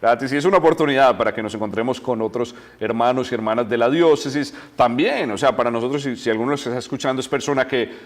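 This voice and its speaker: A man's voice: medium pitch, fast, hardly any pauses. A man, a church delegate on a TV interview, explaining at length with many "eh" fillers and repeated words. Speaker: diocesan delegate, guest. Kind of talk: conversational TV interview.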